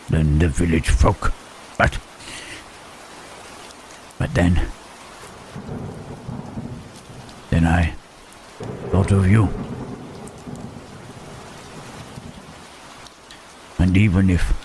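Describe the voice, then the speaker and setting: A man playing a lonely, humble, gentle-hearted monster in an intimate ASMR roleplay, speaking haltingly and repeating his words with murmured questioning tags. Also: low-pitched. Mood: brooding, then tentatively hopeful. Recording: rain and thunderstorm noise behind. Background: rain and thunder.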